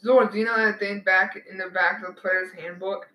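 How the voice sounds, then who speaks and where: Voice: medium pitch, steady tone, normal speed, pushed and bright. Playful tabletop player in an echoey room. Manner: playful, interjecting. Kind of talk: casual joking table chat. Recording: roomy, noisy group recording.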